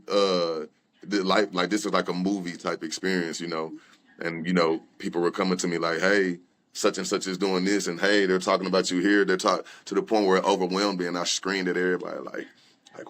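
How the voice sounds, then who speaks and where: A young man with a deep, slightly bright voice, a rapper appearing as a guest, tells his personal story openly. His talk is loose and conversational, packed with fillers and restarts.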